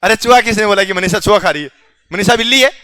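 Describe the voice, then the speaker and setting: A man's voice: sits high, fast talker, bright, forceful tone, no echo, clean studio sound. A male teacher quizzing his students in a classroom, teasing and joking with them as he goes, with a Rajasthani Hindi accent.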